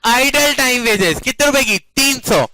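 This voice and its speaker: A man's voice: very high voice, animated, moderate pace, pushed and bright, a little hiss or hum, poor audio. A male commerce teacher lecturing a class playfully, often checking that students follow and mixing English phrases into his talk.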